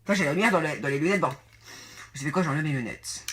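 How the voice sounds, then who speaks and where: A man's voice: fairly high pitch, expressive, fast, pushed and bright. A man ranting to camera in an exasperated voice, swearing often. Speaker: video maker.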